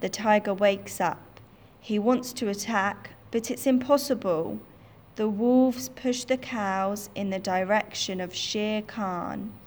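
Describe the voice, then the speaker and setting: A woman narrating a simple storybook for learners in short, clear sentences. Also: medium pitch, takes it slowly, darkish tone.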